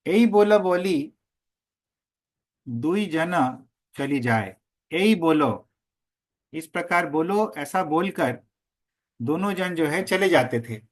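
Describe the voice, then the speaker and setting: A man teaching a scripture class, slowly chanting verses and then explaining them line by line. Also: a little high, expressive.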